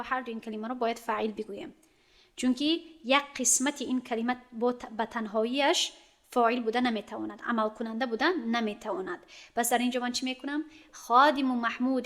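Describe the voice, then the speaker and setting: A woman teaching Arabic grammar, explaining step by step and often asking her students whether they have understood. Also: on the high side. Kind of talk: classroom grammar lesson.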